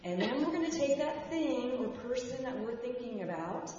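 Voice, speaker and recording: A woman's voice: fairly high pitch, expressive, moderate pace, a little hiss or hum. Woman telling the children's story in an echoey church. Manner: gentle, asks children questions and leads gestures. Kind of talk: children's message, interactive talk with kids. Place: church sanctuary. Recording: echoey hall from far off, dull.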